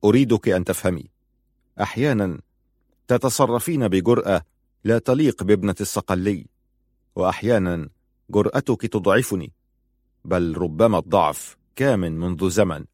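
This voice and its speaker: A young soldier in a spoken story, stern but tender. A man plays him in a lowish voice with a firm, decisive delivery. The sound is close and dry. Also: moderate pace, long pauses, a little mellow, dry recording. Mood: patient.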